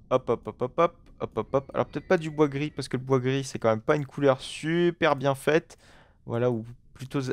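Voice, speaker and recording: A man talks through his building session in a game, explaining each choice as he goes. He keeps it chatty and loose, tossing in playful little sound effects between steps. His voice sits at an ordinary middle pitch, recorded close on a desk microphone. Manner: chatty, self-narrating, fills with "voilà" and playful "hop hop" and "bam" sounds. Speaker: gaming video creator. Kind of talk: let's play commentary while building.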